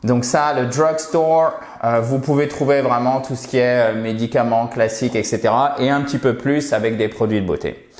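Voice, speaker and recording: A man teaching English in French, explaining phrases and repeating words slowly to model their pronunciation. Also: mid-range voice, darkish tone. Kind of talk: casual video lesson. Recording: roomy echo.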